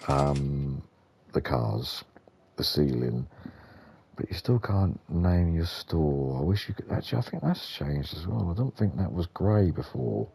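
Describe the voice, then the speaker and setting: A man's voice: very deep voice, creaky, warm tone, breathy edge. A British man giving rambling, understated, casual gameplay commentary as the host of a gaming video.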